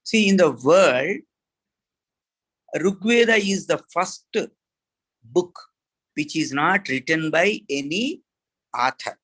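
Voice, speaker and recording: A middle-aged man with an Indian English accent, teaching a Sanskrit class in a slow, halting way with many fillers and restarts. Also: a little high, lively intonation, fairly bright tone, low-quality recording. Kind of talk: online class lecture.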